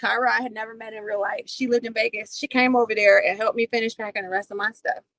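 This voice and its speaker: Profane, animated woman telling a story. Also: fairly high pitch, quick pace, no echo, poor audio. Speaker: livestream host. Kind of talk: casual storytelling.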